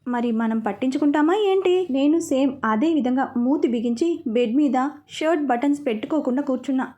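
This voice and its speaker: A woman narrating a first-person romance story in an expressive, chatty way, asking listeners asides. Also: sits high, normal speed.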